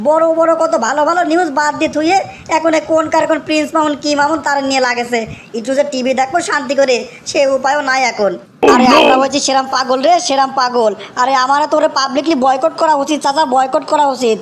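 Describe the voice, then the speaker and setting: This is comic cartoon dialogue in rustic dialect: a performer plays an exasperated young nephew from the village who whines and complains again and again. The high, steady voice moves fast and stays near a natural speaking voice, with slight background noise.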